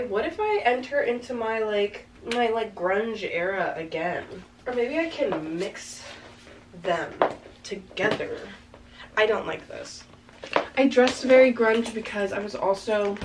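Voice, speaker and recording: This young woman in her twenties is a fashion vlogger doing a chatty, upbeat try-on session in a small bedroom with a backdrop. Her mid-range voice has a slight rasp from congestion, and she rambles with frequent "like" fillers. The camera mic sits a few meters away, so she sounds distant with a faint hiss.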